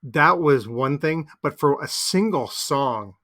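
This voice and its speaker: A man co-hosting a podcast, talking about an album in a relaxed, conversational way with plenty of fillers. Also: fairly high pitch, slow pace. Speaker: podcast co-host. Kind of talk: casual music chat.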